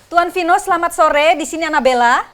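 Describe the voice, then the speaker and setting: A woman's voice: extremely high pitch, a little fast, a bit bright, a little hiss or hum. An actress playing a fussy, chatty woman in a TV soap opera, talking with dramatic flair. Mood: coaxing. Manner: dramatic, fussing.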